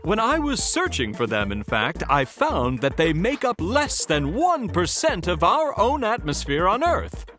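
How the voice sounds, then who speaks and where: A man's voice: high voice, huge pitch swings, unhurried, few pauses, fairly bright tone, faint music behind, exaggerated voice. A man voicing an earnest, nerdy male moose scientist who lectures eagerly and laughs nervously in a cartoon. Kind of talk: cartoon voice acting.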